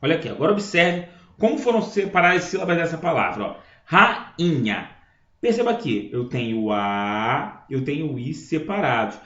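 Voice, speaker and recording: A man with a voice on the high side teaches a grammar lesson, very animated and a little fast, explaining step by step and checking in with his listeners. The sound is dull and lo-fi, recorded in an echoey room.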